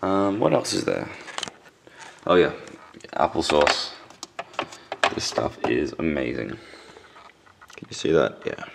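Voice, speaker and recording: A young adult man with a swollen, sore jaw, rambling casually and deadpan to a handheld camera at home. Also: extremely low pitch, noisy background. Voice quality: gravelly, creaky voice. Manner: deadpan, dryly joking. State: swollen, sore jaw after wisdom teeth removal. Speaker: vlogger. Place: indoors at home. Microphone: handheld camera at arm's length.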